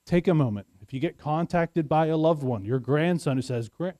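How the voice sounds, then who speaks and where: A man gives a community talk in a lively, chatty way, checking in with the audience as he goes. His voice sits on the higher side and sounds dark and mellow. The sound is dry and close. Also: normal speed, dry recording. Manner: conversational, asks the audience "right?". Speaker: sheriff's office speaker. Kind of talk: community presentation.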